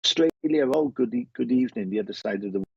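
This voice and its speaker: A medium with a Welsh accent hosts a live online show, chatting casually with viewers, rambling and repeating phrases often. His mid-range voice is animated and quick, creaky and husky, carried on muffled, roomy stream audio.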